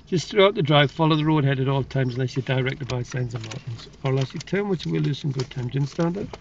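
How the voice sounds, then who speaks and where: Gravelly man talking from across a car. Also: mid-range voice, lively intonation, fast talker. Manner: chatty, jokey, teasing. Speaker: driving instructor. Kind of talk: casual instruction during a lesson. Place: inside a car. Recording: distant, dull, noisy car interior.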